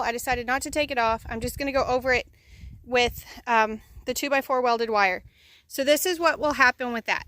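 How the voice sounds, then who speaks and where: A woman's voice: high-pitched, fairly bright tone, no room sound. A woman vlogging outdoors at her chicken pen, explaining the work in a casual, chatty way with plenty of ums and uhs. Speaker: homesteading vlogger.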